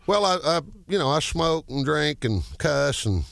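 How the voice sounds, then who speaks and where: A man's voice: on the high side, animated, unhurried, vocal fry, fairly bright tone, echoey room. Southern man doing self-mocking stand-up. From Georgia, US. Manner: self-mocking hillbilly humor, laughing through punchlines. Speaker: comedian. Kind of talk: stand-up comedy and radio interview.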